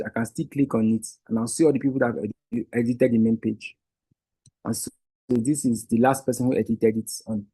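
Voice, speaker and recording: Explaining a screen-share tutorial one step at a time, a male Wikidata trainer whose first language is Igbo stays patient and restarts now and then. He has a mellow, husky mid-range voice, captured in a low-quality recording without room sound.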